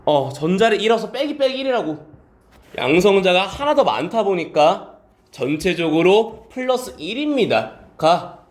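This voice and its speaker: In a high, sing-song voice, a male science teacher gives a lecture, addressing students by name. His speech moves between polite and casual as he poses quick questions and answers them himself.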